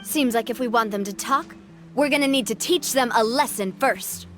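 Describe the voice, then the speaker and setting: A woman's voice: a little high, normal speed, music in the background, natural voice. An actress playing a confident, poised young woman who leads a syndicate in a video game. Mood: bold, combative. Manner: poised, assertive. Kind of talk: video game character acting.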